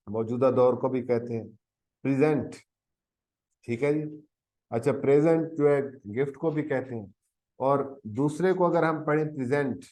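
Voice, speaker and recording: A man's voice: medium pitch, dark tone, poor audio. A man with a Pakistani Urdu accent teaching a grammar lesson, often coughing, correcting himself and checking in with "theek hai ji". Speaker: English teacher. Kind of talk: grammar lesson explaining tenses.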